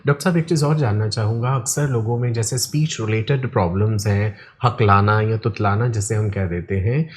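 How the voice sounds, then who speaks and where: A man's voice: on the low side, a little fast, few pauses. Man hosting an interview, formal n polite, keeps saying right right. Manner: polite, formal, frequent short affirmations. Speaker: interview host. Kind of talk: hosted interview.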